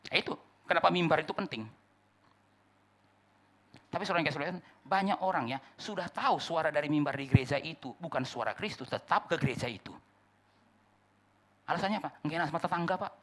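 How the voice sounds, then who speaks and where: A male pastor preaching a sermon with animated delivery, shouting key words and dropping to quiet asides, acting out the voices of churchgoers. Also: a little high, fast, long pauses. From Indonesia. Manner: acts out congregants' voices.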